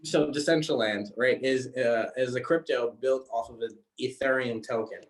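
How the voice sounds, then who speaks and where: A man's voice: mid-range voice, steady tone, moderate pace. A man speaking as a podcast guest over a video call connection, eager and prone to stumbling and repeating words as he builds a point. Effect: heard over a video call connection. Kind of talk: casual conversational interview.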